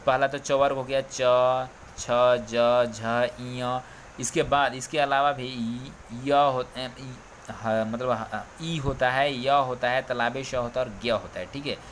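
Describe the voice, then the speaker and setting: A male coaching teacher walks students through Hindi sounds, repeating each letter and checking in constantly. His voice sits at an ordinary middle pitch. A faint hiss of background noise runs under the recording. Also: fairly even intonation, slow pace, fairly bright tone. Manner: drilling, repeats "ठीक है" often.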